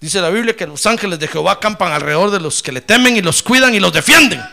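A man preaching a sermon in an animated way, with rhetorical questions, humor and loud exclamations of praise. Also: high-pitched, fast, vocal fry.

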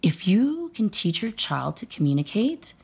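A mother in her thirties, who is a dental hygienist, talks as a guest in a casual interview, telling sincere, animated stories and performing the dialogue. She speaks unhurriedly in a lowish voice that is slightly rough, with vocal fry.

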